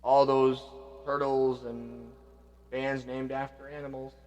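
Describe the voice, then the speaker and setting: A man hosting a vlog, reminiscing casually and reflectively, often trailing off quietly. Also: medium pitch, flat delivery, slow pace, in a large hall, highs cut off. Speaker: vlog host paying tribute to his father. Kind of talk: casual spoken reminiscing between songs.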